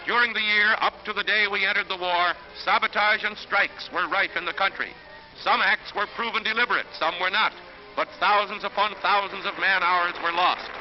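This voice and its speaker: A man's voice: sits high, fairly even intonation, moderate pace. A man giving dramatic, emphatic 1940s narration on an old newsreel soundtrack. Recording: dull lo-fi 1940s film soundtrack with music.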